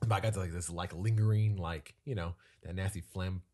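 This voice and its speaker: A young man co-hosting a casual podcast, his voice deep from a cold, chatting loosely with lots of fillers and jokes. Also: brisk. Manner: relaxed, many fillers, jokey. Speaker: podcast co-host.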